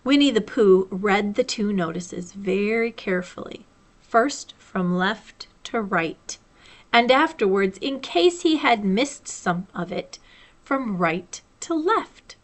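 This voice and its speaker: Reading aloud from a children's storybook, this woman works as a library storyteller. Her expressive, medium-pitched voice keeps a deliberate, measured phrasing.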